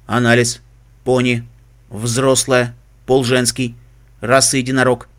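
A metallic, emotionless helmet computer, voiced by a man, reads out terse status reports and word lists in a clipped, flat delivery. Its pitch sits mid-range and unremarkable. It is heard in a storybook-style reading. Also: slow pace. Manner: terse system announcements and dictionary listings. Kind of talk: audiobook reading of a fan story.

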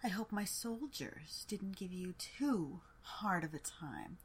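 A woman voicing a haughty, cruel warlord queen who mocks her captive in a slow, sneering, half-whispered way. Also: lowish voice, lively intonation, slightly rough, exaggerated voice. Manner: sneering, mocking, slow and deliberate.

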